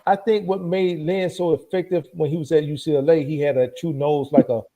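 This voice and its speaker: A man's voice: on the high side, fairly even intonation, a little fast, dark tone. A man hosting a casual football livestream, laid back and asking his co-hosts questions. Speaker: livestream host.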